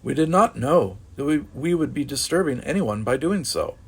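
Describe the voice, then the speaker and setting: A calm, precise male android, voiced by a man reading a storybook. He speaks formally and evenly, a touch higher than the narration. The voice stays gravelly and husky. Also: normal speed. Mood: earnest.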